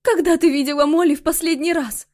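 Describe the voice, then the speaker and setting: A woman's voice: fairly high pitch, normal speed, dark tone, lightly acted. A woman voicing a distraught mother with a trembling, sobbing voice. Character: distraught mother whose child is missing.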